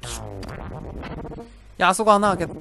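A man's voice: high-pitched, steady tone, slow. A young man casually commentating a video game he is playing, talking to himself, rambling between exclamations. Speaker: gameplay commentator. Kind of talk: casual let's-play commentary. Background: game music.

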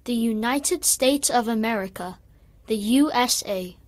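Một người phụ nữ lồng tiếng cho một cậu bé thân thiện, giải thích rõ ràng trong bài nghe sách giáo khoa. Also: female voice, fairly high pitch, slow pace. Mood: explaining.

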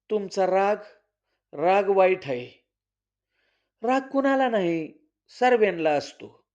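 A man's voice: sits high, a little mellow. A man voicing a firm village mother. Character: earnest rural mother, steady and protective. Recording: slightly dull lo-fi recording.

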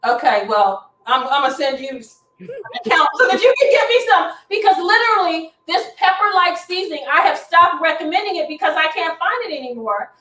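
Very high-pitched, animated, and brisk, a middle-aged woman's bright, forceful voice leads a live cooking demonstration from her home kitchen. She chats and instructs as she cooks, recorded by a camera far across the roomy space.

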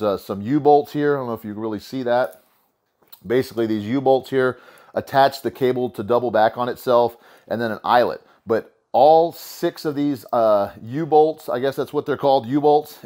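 A man's voice: medium pitch, a little mellow. Rambling man explaining his garage gym. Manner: loose, rambling, full of "uh" and restarts. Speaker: home gym lifter explaining a DIY build. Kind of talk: casual how-to explanation. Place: home garage gym, indoors. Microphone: camera a few steps away.

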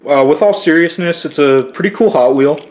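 A man speaking crudely and bitterly in a rushed mutter. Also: fairly high pitch, over music.

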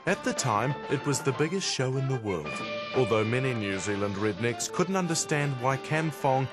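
A man's voice: mid-range voice, lively intonation, normal speed, loud music behind the voice. A man giving wry, tongue-in-cheek scripted narration for a mock documentary.

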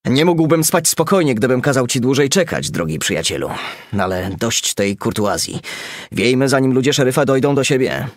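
A man's voice: mid-range voice, big pitch swings, normal speed, dry recording, studio quality, close to an everyday voice. A man playing a gallant, courteous outlaw. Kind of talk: video game dub.

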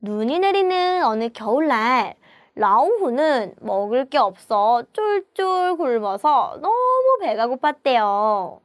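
A woman's voice: high-pitched, sing-song, slow pace, dry recording, clean studio sound. A woman telling a folk tale to children in a sweet, sing-song manner, stopping to teach words. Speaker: children's storyteller and Chinese teacher. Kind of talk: storybook narration for children with vocabulary teaching.

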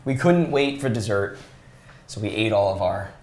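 A man's voice: on the low side, lively intonation, normal speed, darkish tone, echoey room. A man co-hosting a casual livestream, joking playfully while taste-testing food at home. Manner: playful, jokey. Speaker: co-host.

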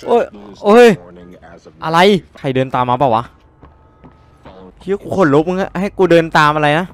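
Young man, horror let's play, excitable, lively pitch, cursing a lot. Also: moderate pace. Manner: excitable, swears a lot, yelps when startled. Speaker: gaming streamer.

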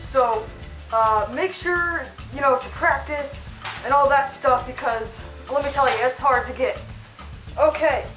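A woman's voice: high voice, unhurried, fairly bright tone, roomy sound, faint music behind, rough recording. A woman hosting a playful cooking tutorial in a home kitchen, chatty and mock-instructional, talking from inside a costume head. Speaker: channel host cooking in fursuit.

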